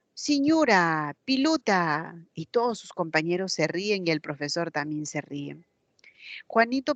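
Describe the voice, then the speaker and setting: A woman's voice: on the low side, no echo, dull audio. A woman with a Peruvian Spanish accent teaching a recorded class, patiently explaining step by step with examples. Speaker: language teacher. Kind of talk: recorded online class lecture.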